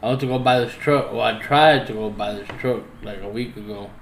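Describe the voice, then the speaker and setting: A man's voice: lowish voice, a little fast. A man chatting casually with friends in loose, slangy, streetwise talk peppered with swearing. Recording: roomy echo, faint background noise.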